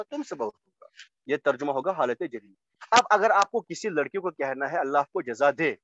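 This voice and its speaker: Man teaching grammar in a steady, patient voice. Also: sits high, dry recording, lo-fi sound. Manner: explains step by step, often checking with "theek hai ji". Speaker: Arabic teacher. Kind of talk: online grammar lecture. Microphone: computer mic on a video call.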